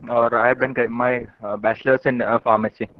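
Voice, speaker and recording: A man's voice: mid-range voice, flat delivery, a little fast. A young man from near Bhopal introducing himself in a class, hesitant with fillers. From India, near Bhopal. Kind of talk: student self-introduction. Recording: muffled lo-fi call audio.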